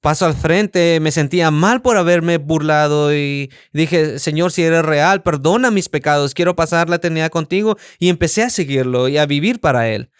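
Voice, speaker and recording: In a church, a pastor delivers a sermon built on personal testimony, speaking in a fairly high, smooth voice with a resonant ring. He tells his story with animation, acting out the quotes at a moderate pace with few pauses. The recording is close and dry.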